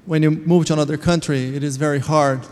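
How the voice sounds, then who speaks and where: A church member whose first language is Portuguese gives a personal faith testimony, earnest and reflective, slowing on the words that matter to him. His steady, darkish voice sits slightly high for a man, and a long church-hall reverb trails every phrase.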